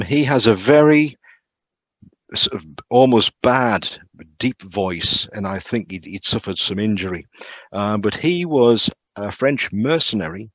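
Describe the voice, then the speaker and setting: A man speaking as a castle guide in casual storytelling, halting and repeating words with lots of ums. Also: fairly low pitch, slightly rough, dry recording. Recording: muffled lo-fi sound.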